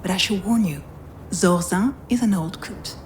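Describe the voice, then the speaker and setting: In a visual novel, an actress voices a hospital doctor who is frank, composed and sympathetic, speaking in a measured, professional, firm manner. Her medium-pitched, darkish voice is close to an everyday one, with slight background noise.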